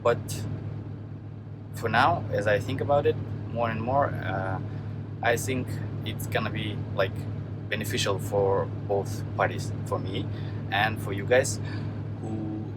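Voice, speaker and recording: A truck driver vlogger from Kazakhstan narrates a casual vlog at a truck yard and inside his truck, speaking with a Russian accent and a fairly low pitch. He's halting, searching for words in a second language, and loud vehicle and outdoor noise fills the recording.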